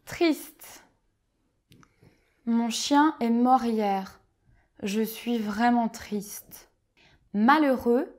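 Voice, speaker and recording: A woman teaching French vocabulary slowly and clearly, reading each word and then a short example sentence. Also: on the high side, a little mellow.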